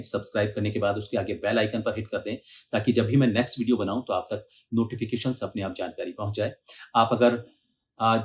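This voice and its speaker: Calm man coaching pronunciation. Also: fairly low pitch. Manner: repeats each hard word slowly several times, syllable by syllable; calm, instructive explaining with light fillers. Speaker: speech coach and channel host. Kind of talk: pronunciation lesson with slow, drawn-out example words.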